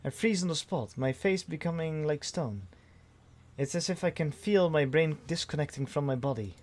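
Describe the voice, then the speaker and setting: A man's voice: on the high side, moderate pace, darkish tone. A man reading a visual novel aloud in first person, with dry delivery and frequent restarts. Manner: dry narration with restarts and sighs.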